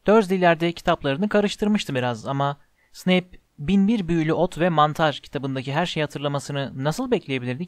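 A man reading a storybook aloud as an audiobook narrator, in a calm, measured way. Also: fairly high pitch, no echo.

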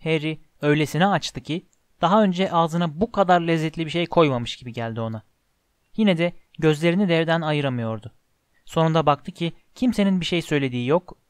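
A man narrating an audiobook with expressive storytelling. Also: on the high side, fairly quick, smooth, dry recording. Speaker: audiobook reader. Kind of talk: scripted narration.

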